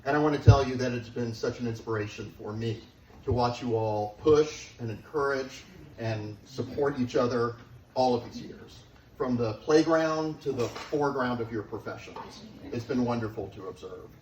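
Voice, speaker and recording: Distant echoey room, middle-aged man, father of the bride speech, mid-pitched voice, affectionate, deliberate pauses. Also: a little mellow, a little hiss or hum. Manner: sincere, affectionate delivery with deliberate pauses for the guests. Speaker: father of the bride giving a toast. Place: large room at a wedding reception, guests present.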